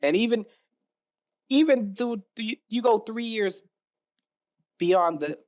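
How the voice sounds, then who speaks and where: Male podcast host, slightly high pitch, casual, encouraging, slang-heavy. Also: expressive, takes it slowly, darkish tone. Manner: encouraging, slangy, hypes up his guest.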